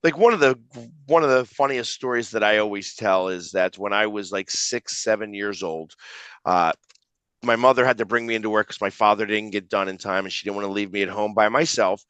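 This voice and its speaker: Bright-voiced man telling an anecdote. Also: fairly low pitch, fairly quick, clear, resonant tone, dry recording. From Philadelphia area, USA. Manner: animated anecdotal storyteller. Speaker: interview guest. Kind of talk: casual storytelling in interview.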